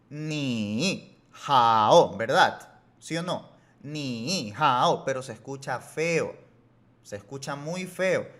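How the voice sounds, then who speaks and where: A man teaching a language lesson on video, explaining rules patiently and reassuring his viewers as he repeats examples slowly. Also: a little high, fairly bright tone. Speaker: Mandarin teacher.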